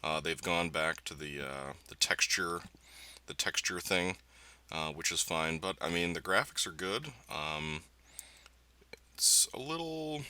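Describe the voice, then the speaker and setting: A man's voice: low-pitched, lively intonation, measured pace, clean tone. A man with a voice affected by being sick gives casual let's play commentary as a gaming host, hesitant and thinking aloud. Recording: loud music behind voice. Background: game music and vehicle engine sounds.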